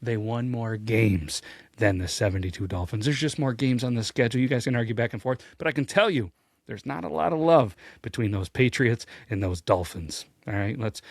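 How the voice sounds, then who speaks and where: A man hosting a sports ranking show, telling the story with jokey asides and rising excitement. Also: fairly quick, no echo. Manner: animated, jokey, pitch swings when excited. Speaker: host. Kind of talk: energetic sports commentary.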